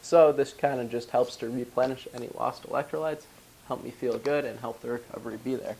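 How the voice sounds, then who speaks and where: A man's voice: mid-range voice, fairly even intonation, a little fast, creaky, darkish tone, a little hiss or hum, poor audio. A congested young man, slightly losing his voice, casually walking through the gear in his gym bag. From Wisconsin, USA. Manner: chatty, explains ingredient details. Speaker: powerlifting vlogger. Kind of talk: casual product walkthrough.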